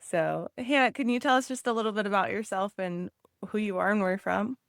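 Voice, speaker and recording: A woman's voice: medium pitch, a little fast, vocal fry, clear, resonant tone, dry recording, clean studio sound. Upbeat woman podcast host. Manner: upbeat and enthusiastic. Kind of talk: scripted intro then interview chat.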